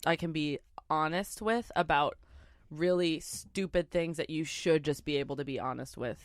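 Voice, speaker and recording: A young woman chats loosely on a podcast, dropping curses and laughing as she eats. Her voice comes through smooth and clean. The sound is close and dry. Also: deep voice, normal speed, dry recording. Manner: profane, laughing, eating while talking. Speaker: podcast co-host. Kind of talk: casual chat over a meal.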